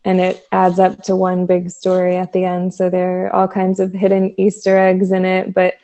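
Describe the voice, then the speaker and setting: A woman's voice: lowish voice, monotone, moderate pace, dark tone, poor audio. A woman from Texas, a musician guest in a casual interview over a video call, enthusiastic and laughing often. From Texas, USA.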